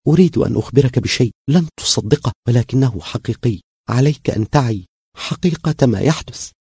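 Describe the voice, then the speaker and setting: A man voicing a frightened, tearful young woman in an audio story, speaking high and pleading. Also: expressive, fairly quick, dark tone, breathy edge, dry recording, studio quality. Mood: urgent whisper. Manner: pleading, fearful, raised pitch.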